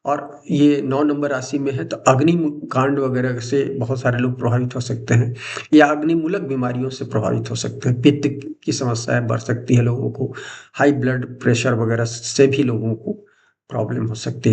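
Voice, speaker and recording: Gravelly-voiced man giving an astrology lecture. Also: mid-range voice, darkish tone. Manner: informal, loose teaching talk with restarts.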